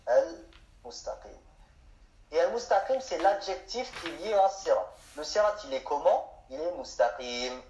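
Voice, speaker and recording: A man's voice: a little high, lively intonation, moderate pace, hardly any pauses, darkish tone, a little hiss or hum. A man giving an explanatory lesson on grammar, asking questions and answering them himself. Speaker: Arabic teacher. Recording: echoey room, dull sound.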